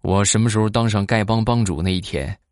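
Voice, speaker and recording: A man's voice: fairly low pitch, darkish tone, no echo, studio quality. A man hosting a podcast, telling funny everyday stories in a chatty way and often tacking on tag questions. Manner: chatty, drops tag questions and drawn-out particles. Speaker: podcast host. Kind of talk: comic anecdote storytelling.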